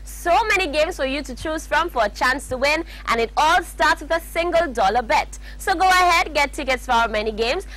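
A young woman presenting a scripted televised lottery draw, announcing numbers in a formal, measured way. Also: high voice, fairly bright tone, low-quality recording. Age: young adult. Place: TV studio. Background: faint music.

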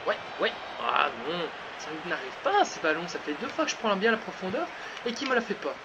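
A gaming channel host calls his own football video game match in a high, lively voice with big pitch swings, getting carried away with shouts and laughter before talking himself back into focus. He speaks fairly quickly, and the muffled, lo-fi audio carries a steady hiss underneath.

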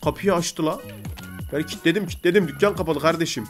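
A man's voice: fairly high pitch, fast, faint music behind. A man with a stuffy nose from a cold, hosting a casual let's-play and chattily bossing the game's customers around. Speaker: gaming video host.

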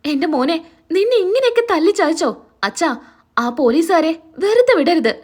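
A woman's voice: extremely high pitch, big pitch swings, moderate pace, a little mellow. A woman voicing an emotional older sister who frets over her brother and scolds her family. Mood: distressed.

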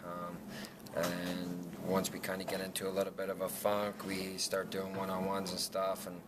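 In a noisy indoor press backdrop room, a twenty-something lacrosse player answers reporters after the game. His low, monotone voice stumbles through many restarts and fillers, broken by self-conscious laughter.

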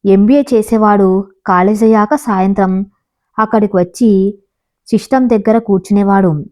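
Woman calmly narrating a confiding story. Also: mid-range voice, normal speed. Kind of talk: first-person story narration.

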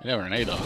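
A young man casually commentating a shooter game with a friend, swearing, yelling and laughing in frustration. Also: a little high. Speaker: gamer co-host.

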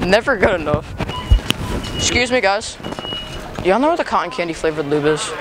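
A man's voice: high-pitched, lively intonation, brisk, background noise. A teenage boy hosting a casual prank vlog in a big store, talking brash and jokey into a camera mic. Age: teens. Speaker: prank vlogger. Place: large retail store indoors.

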